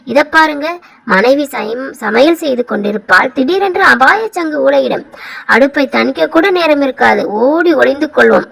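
A woman giving a slow, measured audiobook reading of reflective literary prose. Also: high voice, lively intonation, gravelly, a bit bright, rough recording. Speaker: reader of a literary essay.

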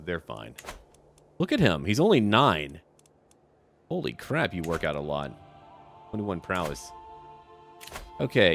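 In a casual roleplay gaming video, a male host chats offhandedly, talking directly to the game's characters. His voice sits low.

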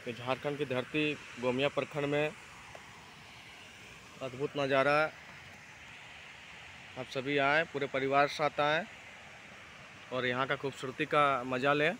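Outdoors at a forest waterfall, a man narrates his travel vlog and eagerly invites viewers along, recorded on a phone with background noise. His medium-pitched voice is bright and forceful but fairly flat, a little slow, with long pauses.

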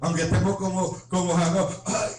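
A man's voice: high-pitched, moderate pace, roomy sound, distant mic, very noisy. A man preaching an impassioned sermon as an evangelist, crying out and acting out prayers. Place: church.

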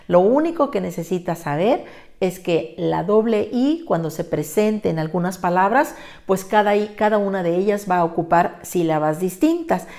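A woman gives a methodical spelling lesson at a mid-range pitch. She is patient and clear, stretching out the example words syllable by syllable as she explains each step. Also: darkish tone. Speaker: Spanish spelling teacher. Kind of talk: scripted lesson narration.

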